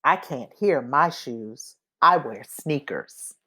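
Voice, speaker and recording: Reading a picture book to children, this woman keeps a very slow, careful pace and separates every phrase on purpose so young ears can follow. She is deliberate and expressive, with strongly varied pitch, and performs the sound effects herself.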